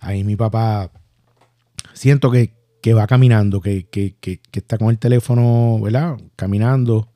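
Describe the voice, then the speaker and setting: A Puerto Rican man with a Puerto Rican Spanish accent, hosting a podcast and recounting a personal story in a halting, reflective way. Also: on the low side, fairly even intonation, mellow, dry recording, studio quality. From Puerto Rico. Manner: halting, reflective, many restarts and fillers. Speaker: podcast host.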